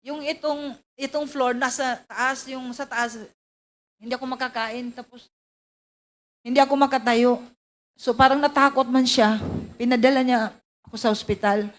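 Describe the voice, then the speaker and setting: A woman testifies at a hearing in a slightly high voice, speaking politely and haltingly. She searches for her words and fills the gaps often. It sounds like a formal hearing room. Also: steady tone. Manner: hesitant, halting, polite with many fillers. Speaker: witness at a hearing.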